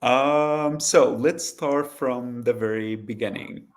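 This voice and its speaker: A man interviewing casually, asking brief questions with soft murmurs of agreement. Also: mid-range voice, takes it slowly. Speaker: podcast interviewer.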